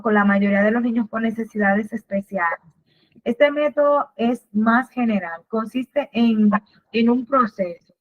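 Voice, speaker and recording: A woman gives a patient, explanatory webinar lecture, often posing a question and then answering it herself. Her voice sits a little high for a woman. The sound is thin and phone-like, as if it were coming through a video call. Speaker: literacy workshop presenter. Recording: tinny phone-like webinar audio.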